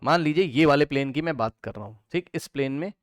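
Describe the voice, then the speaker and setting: A man's voice: fairly high pitch, fast talker, no echo. A man teaching chemistry to students in a lecture, who asks questions and answers them himself and repeats the key terms.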